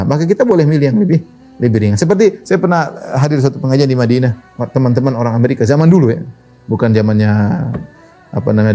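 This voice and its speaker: A man preaching a sermon, telling stories in an animated, conversational way with wide swings in pitch. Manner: casual conversational phrasing. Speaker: Islamic preacher.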